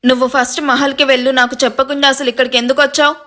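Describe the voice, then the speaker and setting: Woman doing a young man, stern, protective, scolding, high voice. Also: little pitch movement, very fast, bright, forceful tone. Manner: firm, scolding.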